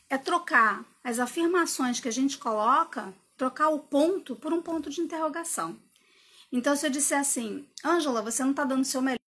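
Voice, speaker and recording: High-voiced woman giving a reflective live talk. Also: a bit bright, husky. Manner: reflective, explaining with rhetorical questions and tag questions; acts out her own inner dialogue. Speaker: personal development coach. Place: indoor room with a window.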